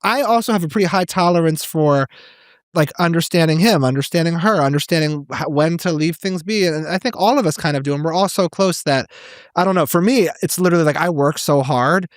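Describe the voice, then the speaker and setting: A man speaks as a podcast guest, reflective with teasing interjections. His voice sits a little high for a man, and the sound is dry and close, as if from a studio mic. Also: a little fast, no echo. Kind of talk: casual chat.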